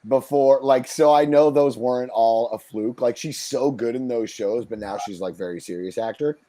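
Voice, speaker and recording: Casual, slangy man with a mellow voice. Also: medium pitch, normal speed, no echo. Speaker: guest performer. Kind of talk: casual chat.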